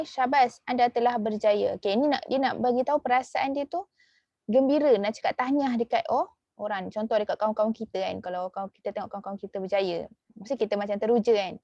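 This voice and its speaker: A woman with a Malaysian Malay accent teaching a lesson, filling her talk with "okey" and "ha" and repeating key words slowly. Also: fairly high pitch, warm tone, no room sound, muffled recording. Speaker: religious school teacher. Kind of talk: online class lesson.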